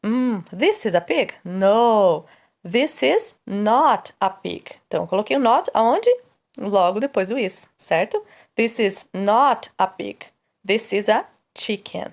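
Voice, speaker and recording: A woman teaching English grammar, asking questions and answering them herself. She reads the English examples slowly and explains at a quicker pace. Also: fairly high pitch, a little mellow. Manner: asks and answers her own questions.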